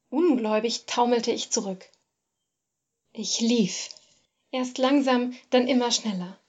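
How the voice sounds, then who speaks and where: A woman narrating a first-person literary story in a measured, expressive reading. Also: on the high side, highs cut off.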